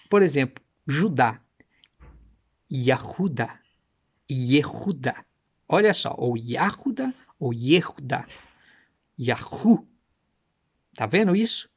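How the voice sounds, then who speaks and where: A young man preaching and teaching with emphatic, persuasive delivery, slowing down to repeat Hebrew words carefully. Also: on the high side. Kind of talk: teaching sermon to camera.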